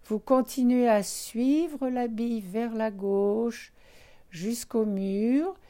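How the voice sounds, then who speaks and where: Female relaxation instructor, warm mellow tone, very unhurried pace, calm step-by-step guidance with room to pause. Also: mid-range voice. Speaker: instructor of a guided eye-relaxation exercise. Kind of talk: guided relaxation lesson, speaking directly to listeners.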